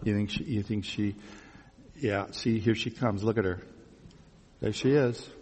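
A pastor with a fairly low, darkish, breathy voice talks unhurriedly before his congregation in a large church room. Conversational in style, he puts teasing questions to them and repeats their phrases, with the recording capturing a reverberant hall.

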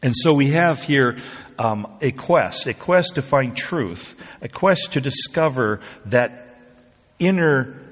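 Husky-voiced man preaching in a reverberant hall. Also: mid-range voice. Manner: conversational, rising to emphatic peaks. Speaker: pastor. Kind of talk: sermon.

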